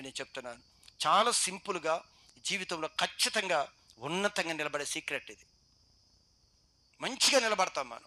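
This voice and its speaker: A pastor speaking with a Telugu accent exhorts a youth meeting in a voice that is a little high. He rattles off rhetorical questions and moves back and forth between booming and hushed delivery.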